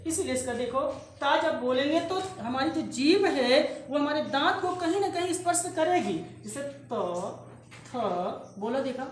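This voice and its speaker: A woman's voice: high-pitched, animated, unhurried. A woman teaching a grammar lesson, asking questions and answering them herself and repeating key terms. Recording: very echoey room, faint noise.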